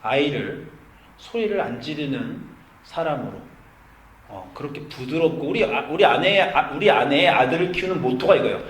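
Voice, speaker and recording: A middle-aged man preaching a sermon as pastor, his delivery swinging from near-shouting to hushed. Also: on the high side, animated, normal speed, a little hiss or hum. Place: church sanctuary. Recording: echoey church room.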